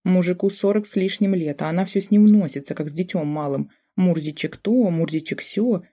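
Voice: mid-range voice, a little fast, mellow, lightly acted. A narrator doing an indignant scolding mother. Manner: raised, exasperated, scolding.

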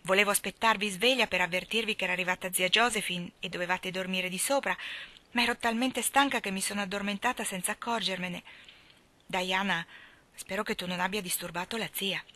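A woman voicing a gentle, tired mother in an audiobook reading, speaking kindly and softly. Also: medium pitch, a little fast, close to an everyday voice.

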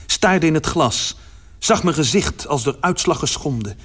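A man reading a first-person literary story aloud as narrator, with dramatic delivery that swells in its louder passages. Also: fairly high pitch, lively intonation, unhurried, husky.

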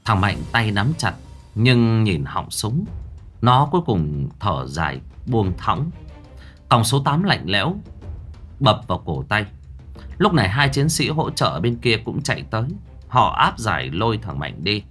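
A man's voice: lowish voice, very animated, measured pace, a bit bright, soft background music. A man narrating a ghost story audiobook in a dramatic way.

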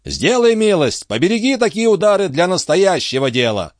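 A man voicing a hot-tempered old sea captain who shouts in a raised voice. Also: sing-song, normal speed, dry recording, studio quality. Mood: shouting. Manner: shouting, high-pitched.

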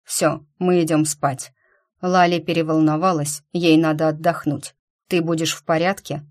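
A woman voicing a gruff, protective young dragon man who speaks curtly and sternly. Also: low-pitched, level tone, normal speed, lightly acted. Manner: curt, grumbling, stern.

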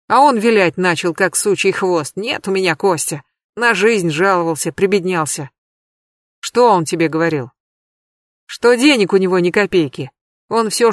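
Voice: medium pitch, a bit bright, no echo, studio quality, lightly acted. An audiobook reader voicing a bitter, cornered middle-aged male criminal who swears crudely and complains. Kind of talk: audiobook character reading.

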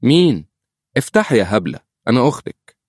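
A man's voice: fairly low pitch, rapid-fire, no room sound, clean studio sound, close to an everyday voice. A man doing a brash, bossy Egyptian woman. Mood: impatient. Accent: Egyptian Arabic. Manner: brash, mocking. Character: bold, bossy older sister.

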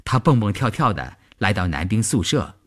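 A man reading a long story aloud as narrator, with an expressive, dramatic delivery. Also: fairly low pitch, moderate pace.

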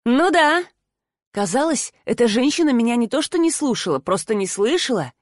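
A woman narrating a first-person audiobook in an expressive reading voice. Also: on the high side, brisk, no room sound, clean studio sound.

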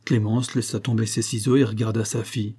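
A man reading a classic novel aloud as an audiobook, narrating in a measured, even way. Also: on the low side, breathy edge. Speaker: audiobook reader.

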